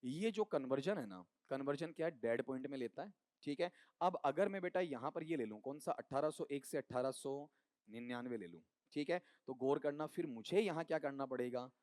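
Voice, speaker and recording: A man's voice: mid-range voice, lively intonation, a little fast, a little mellow, no room sound, studio quality. A man teaching an exam coaching class, quizzing students with call-and-response questions. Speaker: English teacher.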